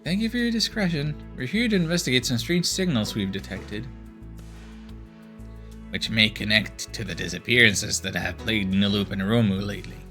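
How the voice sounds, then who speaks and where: A man's voice: fairly low pitch, expressive, normal speed, pushed and bright, soft background music. A man voicing a composed young female secret agent, polite and businesslike. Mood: earnest.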